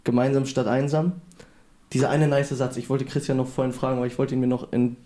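Young man with roomy, mellow voice. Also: mid-range voice, level tone, fast talker. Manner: enthusiastic, youthful slang. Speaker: podcast co-host.

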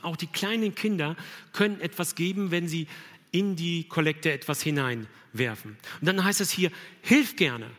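An earnest man preaches to his congregation in a raised, fairly high voice, pressing each point with emphasis. His words ring out with a long church-hall reverb. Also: fairly bright tone. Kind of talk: sermon.

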